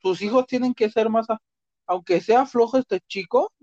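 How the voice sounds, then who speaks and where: A man's voice: very high-pitched, moderate pace, a little mellow, no echo. A young man with a Mexican accent, telling stories in crude slang in a casual chat. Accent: Mexican Spanish. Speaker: co-host. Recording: dull lo-fi dry recording.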